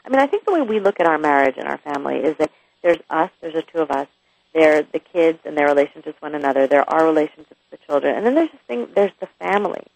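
A woman's voice: deep voice, expressive, fast, vocal fry, darkish tone, low-quality recording. A woman author guesting on a radio interview, talking candidly and chattily with frequent restarts and asides.

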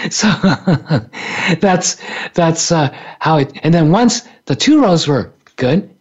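A man's voice: fairly high pitch, expressive, a little slow, darkish tone. A man in his sixties, co-hosting a radio talk show, tells a story with laughter and acts out the other people in it. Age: 60s. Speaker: co-host. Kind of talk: casual storytelling. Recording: dull lo-fi radio sound.

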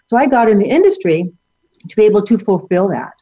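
A woman's voice: mid-range voice, big pitch swings, fairly quick, mellow, breathy edge. A middle-aged woman answering as an interview guest, upbeat and laughing lightly as she talks. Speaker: guest, hair educator. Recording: dull lo-fi audio.

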